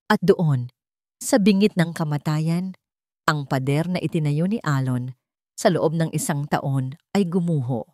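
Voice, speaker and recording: With a slightly mellow, somewhat low voice, a woman tells an audio drama in a scripted storyteller's manner, solemn, suspenseful and deeply felt. The recording is close and dry, free of any room sound.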